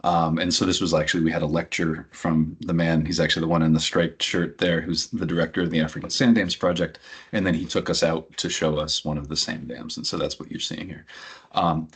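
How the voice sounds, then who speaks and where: A middle-aged program director and anthropologist from New Hampshire, USA, gives an information session presentation about a study program. His voice is very low and husky, his intonation fairly even, and his pace brisk. He explains conversationally, with plenty of ums and uhs.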